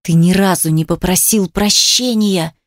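A woman's voice: measured pace, no echo, clean studio sound, lightly acted. A woman voicing a hysterical, venomous woman who hisses and shrieks sarcastic accusations at her ex. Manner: shrill, hissing, sarcastic.

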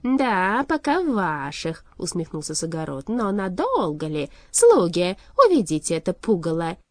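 A woman reading a storybook aloud, voicing a cold, gloating male shadow king who speaks slowly, loudly and lordly. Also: on the low side, big pitch swings, dry recording. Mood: commanding. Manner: slow, loud, lordly.

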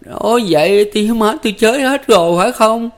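A man voicing a bitter, wounded young peasant who cries out in a strained, high voice. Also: normal speed, close to an everyday voice. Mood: anguished.

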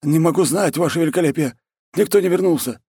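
Cowering army chief, shrill and hysterical, servile; male narrator putting him on. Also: quick pace, a little mellow, husky, dry recording, clean studio sound. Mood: frantic. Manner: frantic, wailing, servile. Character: terrified grovelling male military commander.

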